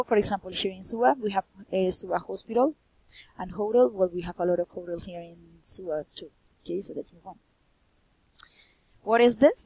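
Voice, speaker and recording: Husky-voiced Colombian woman teacher. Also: mid-range voice, a little mellow, no echo, rough recording. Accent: Bogotá Colombian Spanish. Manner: says each point in English, then repeats it in Spanish; lifts her voice on quiz questions. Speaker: English teacher. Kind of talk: bilingual vocabulary lesson.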